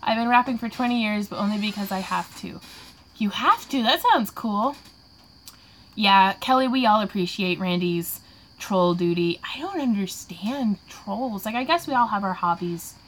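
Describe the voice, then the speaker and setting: A woman in her 20s, a craft vlogger, hosts a live Q&A and chats while crafting, a little tipsy, giggling, rambling and laughing often. Her mid-range voice is animated and a bit bright at a moderate pace. There's a slight hiss or hum on the audio.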